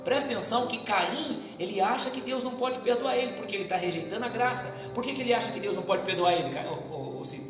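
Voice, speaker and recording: High-voiced preacher in an echoey hall. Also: male voice, quick pace, few pauses. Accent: Brazilian Portuguese. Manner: preaching with call-and-response, acting out voices. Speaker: pastor. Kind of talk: Pentecostal sermon. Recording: echoey hall with music behind.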